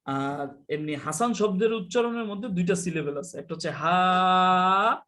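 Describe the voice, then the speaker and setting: A man's voice: high voice, lively intonation, brisk. A man from Bangladesh teaching English in a live online class, chatty and teasing, mixing in English phrases.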